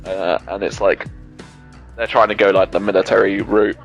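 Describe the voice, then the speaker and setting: A young man hosting a gaming channel, chatting casually over gameplay in animated, rambling rants full of swearing and filler words. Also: lowish voice, moderate pace, gravelly, muffled recording, faint music behind.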